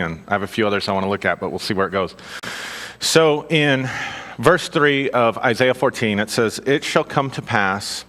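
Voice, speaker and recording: A man's voice: on the low side, pushed and bright. A man giving an informal sermon as a Bible teacher, talking conversationally, asking his listeners questions and adding dry asides. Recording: long reverb of a large hall.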